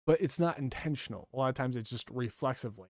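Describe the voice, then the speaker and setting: A man's voice: mid-range voice, quick pace, no room sound, studio quality. Rambling, chatty man streaming to his chat. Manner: rambling, self-correcting, laughs often. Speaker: livestreamer.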